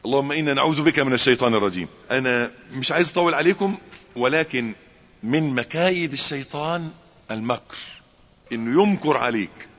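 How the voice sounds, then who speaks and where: Lively Egyptian preacher in an echoing hall. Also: male voice, medium pitch, slight background noise. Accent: Egyptian Arabic. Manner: animated, rising to emphatic exclamations, acts out dialogues. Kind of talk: Egyptian colloquial sermon. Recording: muffled reverberant hall recording.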